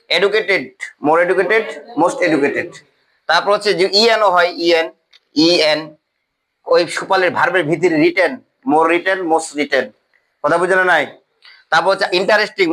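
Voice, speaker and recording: Male teacher, high bright voice. Classroom lecture, spells things out, keeps checking the class follows. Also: rough recording. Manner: repetitive, checks often with the class, spells out letters. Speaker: English grammar teacher.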